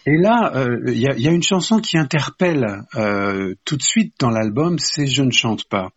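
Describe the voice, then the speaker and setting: A man's voice: mid-range voice, expressive, moderate pace, slightly rough. A man hosting a radio interview, enthusiastic and full of restarts. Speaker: radio host. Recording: dull lo-fi radio sound.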